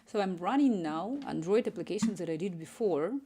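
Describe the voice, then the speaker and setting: A woman with a low-leaning, expressive, mellow, slightly rough voice talks a little fast in a Ukrainian accent with some Spanish influence. Streaming live from a room at home as an app developer, she's chatty and easily distracted, reading chat aloud and murmuring to herself while coding.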